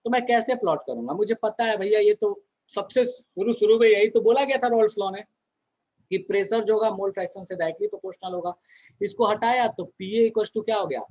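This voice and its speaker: A man's voice: high-pitched, a little fast, darkish tone, low-quality recording. A man teaching a chemistry class online in a conversational way, often asking the students questions and answering them himself.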